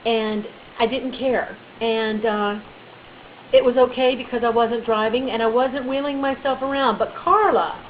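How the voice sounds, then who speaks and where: A woman telling a funny personal story in a chatty, animated way, with bits of playful baby talk. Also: fairly high pitch, narrow, tinny audio, slight background noise. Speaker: vlogger.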